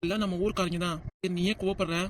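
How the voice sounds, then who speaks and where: A woman's voice: lowish voice, fairly even intonation, far from the mic, a little hiss or hum, natural voice. A woman voicing an anxious forty-year-old village husband in a cartoon, speaking with a Tirunelveli Tamil accent in a fretful, tearful way. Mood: tender. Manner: fretful, tearful, rapid talk. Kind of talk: cartoon voice acting.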